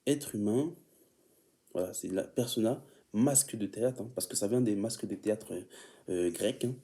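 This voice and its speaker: A man's voice: lowish voice, moderate pace, mellow. A man preaching an informal teaching sermon, often stumbling and repeating words as he reads definitions aloud and calls his listeners beloved.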